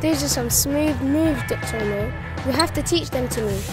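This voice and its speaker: A woman voicing a cocky, excitable boy hero in a cartoon toy play, full of slangy exclamations. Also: high-pitched, normal speed, music in the background, close to an everyday voice, poor audio. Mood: teasing.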